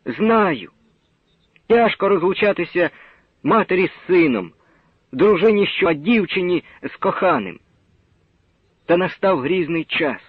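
A man's voice: sits high, animated, measured pace, long pauses, breathy edge, dry recording, phone-quality sound, voice pushed up, heavily acted. A man voicing a woman agitator who pleads earnestly with a village crowd in an oratorical manner.

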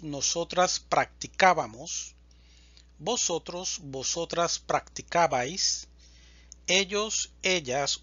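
A man teaching a slow, deliberate verb conjugation lesson, reading word lists with even spacing. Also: fairly high pitch, husky, no room sound, dull audio. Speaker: Spanish teacher.

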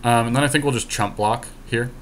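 A podcast co-host plays an online card game while delivering casual, joking commentary with profane trash talk and some swearing. His mid-range voice is fairly even in intonation and a little fast, with clear background noise.

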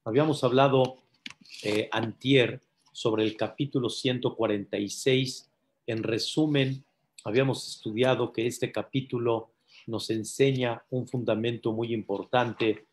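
A man's voice: mid-range voice, fairly even intonation, unhurried. A man, a rabbi, giving a sermon-style Torah class, telling a story and addressing his listeners directly. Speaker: rabbi teaching Psalms.

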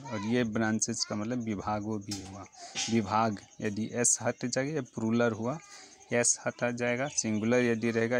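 Slow man spelling words at a roadside shop. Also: mid-range voice. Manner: spells words out letter by letter and repeats them. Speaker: YouTube teacher. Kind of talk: vocabulary lesson. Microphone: handheld phone. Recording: noisy roadside with traffic. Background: passing motorbikes and a child shouting.

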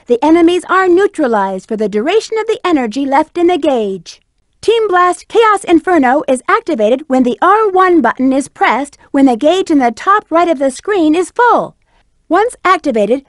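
A confident, flirty lady bat treasure hunter from a video game. Her voice sits high and swings up and down with lots of expression. She delivers hints crisply and coquettishly, recorded close and dry. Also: no room sound. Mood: confident, instructive.

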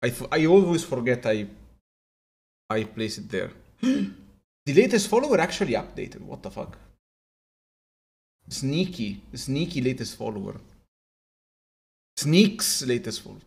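On a casual live stream from a small home room, a young Italian man jokes around in his accent, frequently stumbling over words. His mid-range voice is very animated yet a little slow, gravelly and darkish, with long pauses; the webcam shows him in headphones.

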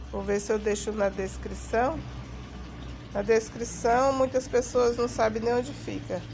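A Brazilian woman with a mid-pitched voice, recovering from the flu, talks casually as she gives a show-and-tell. She is recorded outdoors in a home garden on a handheld phone. A faint noise like running water sits behind her voice. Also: a little mellow, rough recording. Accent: Brazilian Portuguese. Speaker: gardening vlogger.

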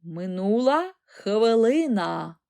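A woman voicing a showy, self-assured old man who announces things crisply and loudly. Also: mid-range voice, big pitch swings, slow, full character voice. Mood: brisk announcing.

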